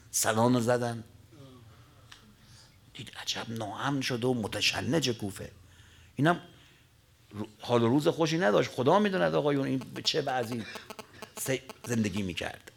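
Gravelly-voiced man preaching dramatic stories. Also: pauses often. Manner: dramatic storyteller, voice surging high and loud then dropping low. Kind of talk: emotional religious storytelling sermon.

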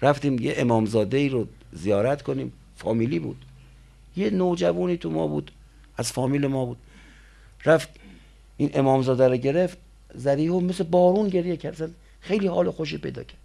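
A man preaching a sermon, telling stories in colloquial speech and slowly chanting prayer lines. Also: a little high, vocal fry, dark tone.

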